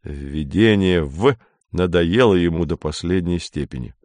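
A man reading a story aloud in a measured, expressive way, voicing every character. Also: deep voice, no room sound. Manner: measured, expressive, reads all roles. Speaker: narrator.

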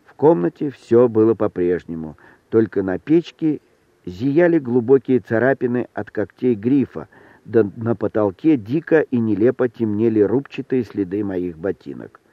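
A man reading a story aloud in an even, wry narrating manner. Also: fairly low pitch, normal speed, no room sound. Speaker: audiobook reader. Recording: thin phone-like sound, dry.

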